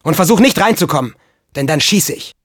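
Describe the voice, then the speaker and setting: A man doing a defiant little boy, shouting. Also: on the high side, expressive, a little fast, no room sound, clean studio sound, voice pushed up. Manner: shouting, stubborn.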